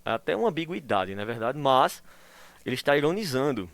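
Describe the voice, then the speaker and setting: A male teacher giving a recorded school lesson. He explains patiently, checks in constantly with tag questions, and acts out example phrases in a lively way. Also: medium pitch, brisk, gravelly, no room sound.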